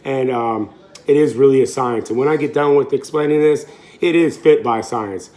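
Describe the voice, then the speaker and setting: A man in his thirties with a raspy, throaty voice, hoarse from a recent illness, chatting casually and off the cuff to camera as a fitness vlogger. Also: medium pitch, normal speed, darkish tone. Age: 30s. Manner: informal, rambling, unscripted. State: hoarse, getting over being sick.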